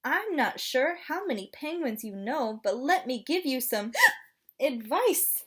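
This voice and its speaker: Woman voicing an animated, high-pitched hiccuping boy penguin, kids show host manner. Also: unhurried, husky, full character voice. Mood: frustrated. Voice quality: speech broken by gasping hiccups. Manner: kids show host, addressing children with exaggerated expression. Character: young boy penguin, frustrated by hiccups, excitable and polite. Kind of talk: animated children's storybook read-aloud.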